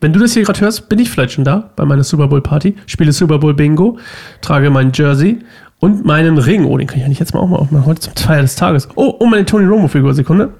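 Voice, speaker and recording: A man's voice: on the high side, animated, fast, creaky, a little mellow. A man co-hosting a casual podcast chat, playful and teasing, his voice still a bit scratchy. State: slightly scratchy voice. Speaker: podcast co-host.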